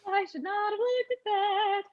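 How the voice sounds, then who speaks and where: Woman as squeamish conspiracy-minded friend, high and lively, slow, dull lo-fi sound. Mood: queasy. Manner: squeamish, earnest, paranoid. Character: squeamish, paranoid adult friend. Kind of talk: comic stage play.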